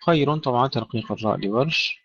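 A man teaching Quranic recitation rules, slowly reciting short verses and then explaining each letter, recorded dry on a dull lo-fi mic. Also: medium pitch, expressive, a bit bright. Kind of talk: tajweed lesson.

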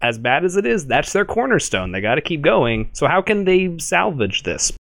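A man's voice: on the high side, normal speed, creaky, dry recording. A man hosting a podcast, chatting casually about movies and correcting himself as he goes. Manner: animated, self-correcting. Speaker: podcast host. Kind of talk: casual chat.

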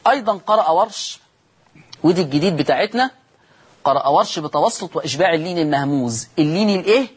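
A man's voice: on the high side, expressive, fast, husky. A man with an Egyptian accent teaching Quran recitation rules on television, explaining step by step and answering his own questions. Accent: Egyptian Arabic.

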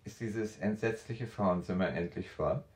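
A sinister fiancé speaks slow and mocking in a 1960s radio drama. His voice sits very low with a husky, breathy grain. He sounds calm, cold and quietly menacing. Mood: coldly taunting.

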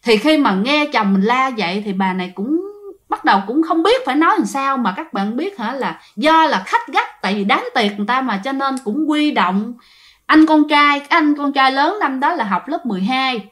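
Woman, ghost story teller, chatty and direct with listeners, a bit high-pitched. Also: expressive, moderate pace, a bit bright. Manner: chatty, addresses listeners, many fillers. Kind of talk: told ghost story narration.

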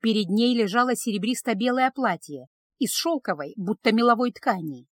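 A woman narrating an audiobook story in an even, expressive reading. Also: a little high, normal speed, dry recording.

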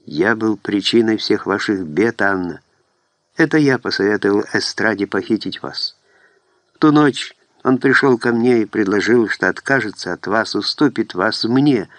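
A man reading an audiobook voices a remorseful young nobleman who confesses his love in an earnest, halting way. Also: fairly low pitch, expressive, dry recording, lightly acted.

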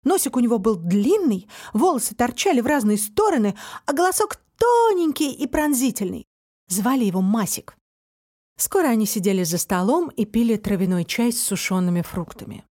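A woman's voice: on the high side, big pitch swings, moderate pace, mellow. A woman narrating a children's story, reading it aloud expressively.

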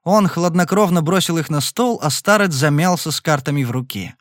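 A male audiobook narrator with a steady, measured delivery. His voice sits a little high for a man. The recording is dry and close, with no room sound. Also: dry recording.

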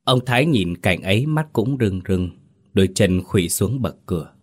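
Man, deep low voice, story narrator, steady measured delivery, scripted horror tale. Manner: steady, measured storytelling with hesitant asides in the intro. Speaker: host and narrator.

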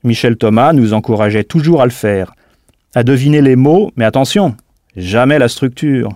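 A man leads a recorded language lesson in a calm, patient way, explaining step by step. His voice sits in a middle pitch and is captured close on a studio mic. The sound is dry, with no room around it. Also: normal speed, no room sound. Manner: patient, explains step by step and spells words letter by letter. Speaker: language teacher.

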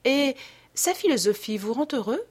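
A woman's voice: high voice, big pitch swings, moderate pace, darkish tone, breathy edge, voice pushed up, heavily acted. A woman voicing a witty, teasing aristocratic duchess in an audiobook, with an arch, playful manner. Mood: probing. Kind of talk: audiobook character reading.

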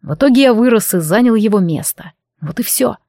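A woman voicing a brooding, gruff male warrior who speaks in a dry, mocking way, in an audiobook. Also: on the high side, lively intonation, a little fast, mellow, no echo. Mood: wistful, flat.

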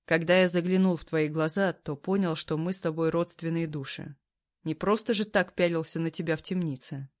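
A man's voice: fairly high pitch, fairly even intonation, a little fast, no echo, clean studio sound, close to an everyday voice. A female reader voicing an offhand retired emperor. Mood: earnest. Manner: offhand, easygoing. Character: laid-back retired male emperor, teasing.

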